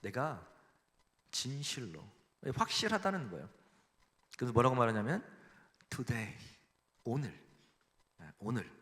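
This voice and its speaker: A man's voice: medium pitch, sing-song, measured pace, long pauses, fairly bright tone. A man preaching a Sunday sermon as a church pastor, emphatic, acting out quoted voices and leading the congregation in reading. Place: church sanctuary. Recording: long reverb in a church hall.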